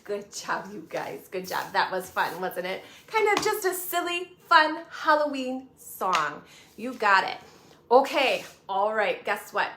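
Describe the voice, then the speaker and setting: A woman's voice: medium pitch, big pitch swings, unhurried, a bit bright, slight background noise. A woman children's librarian hosting a virtual storytime, talking in a sing-song, coaxing way and asking young children questions. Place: at home. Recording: roomy echo.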